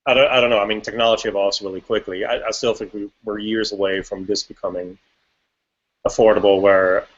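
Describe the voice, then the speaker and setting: A man from Switzerland talks casually as an interview guest, rambling and restarting his thoughts. His voice sits low. The recording is dull and lo-fi. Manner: relaxed, rambling, frequent restarts and fillers. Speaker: guest music producer. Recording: dull lo-fi audio.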